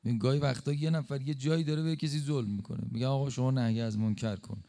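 A male preacher giving an impassioned sermon, slowing for emphatic stresses and dropping suddenly quiet. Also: mid-range voice, steady tone, gravelly. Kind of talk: religious sermon.

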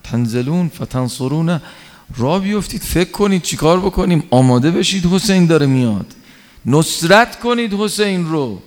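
A male preacher acting out an old man who shouts urgent warnings at a weeping crowd, his voice pushed much higher and pleading, with long hall reverb. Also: expressive, close to an everyday voice. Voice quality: loud, pleading exhortation.

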